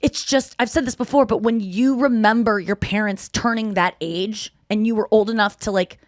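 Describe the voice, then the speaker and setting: A woman's voice: medium pitch, moderate pace, no room sound. A woman in her late thirties hosting a podcast, chatting casually and jokily in a rambling way. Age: 30s. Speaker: podcast host. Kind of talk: casual chat.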